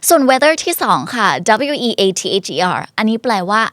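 Young woman, English teacher, casual lesson, slow careful examples, spells words out, dry close mic. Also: a little high, lively intonation, fairly bright tone, dry recording. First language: Thai.

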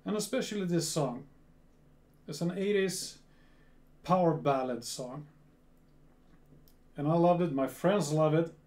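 This thirtysomething man from Sweden speaks with a Swedish accent and a fairly high, darkish voice. He's chatting casually for a reaction video at home, in a small room full of gear. His delivery is slow, with frequent repeated words and restarts.

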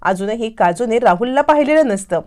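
A woman's voice: on the high side, expressive, a little mellow. Woman retelling a TV serial plot. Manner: brisk storytelling, acts out all dialogue. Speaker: narrator. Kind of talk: serial episode recap narration.

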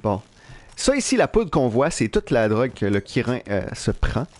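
A young man with a Quebec French accent giving live gameplay commentary in an animated, self-mocking way, swearing casually. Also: mid-range voice, normal speed. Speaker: live streamer. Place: at work.

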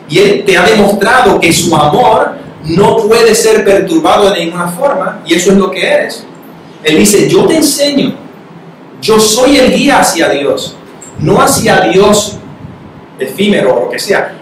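A man's voice: high voice, a little hiss or hum. Man speaking in an echoey room. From Spanish-speaking country. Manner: animated, acts out quoted voices with sudden rises. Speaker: spiritual talk facilitator. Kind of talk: spiritual talk to a live audience. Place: meeting room. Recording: echoey room, mic far off.

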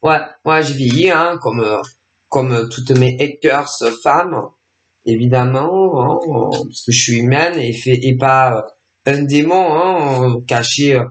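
This tarot and oracle host has an extremely low voice and takes her time speaking. Her recording has a slight hiss or hum and an echoey room sound. She addresses subscribers in a filler-heavy, sarcastic, meandering monologue, coughing now and then because allergies have irritated her throat.

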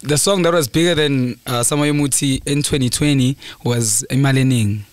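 A man's voice: medium pitch, moderate pace, dry recording. A South African man in his twenties, a guest musician, chatting easily and laughing often in a studio. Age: 20s. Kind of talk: casual chat. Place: studio with yellow curtains. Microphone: studio mic.

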